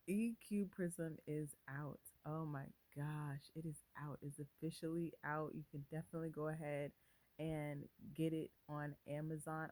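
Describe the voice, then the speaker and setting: A woman hosting her own channel in a casual vlog chat, bubbly and giddy, gushing with excitement. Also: low-pitched, dry recording, poor audio. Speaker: channel host, author.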